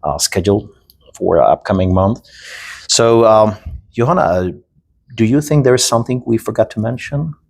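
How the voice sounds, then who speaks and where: A man, hosting a casual interview in a friendly, halting way. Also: fairly low pitch, expressive, creaky. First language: Czech. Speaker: podcast host.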